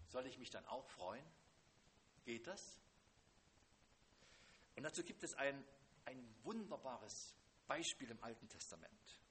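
A man preaching a sermon to a congregation, swinging from loud, dramatic outbursts to quiet, hushed lines. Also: on the high side, a little hiss or hum.

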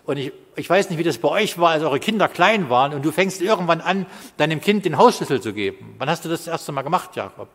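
A man in his fifties preaching a sermon in a conversational way, with quiet asides and loud bursts of emphasis. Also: a little high, lively intonation, fast talker, few pauses. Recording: hall with long reverb.

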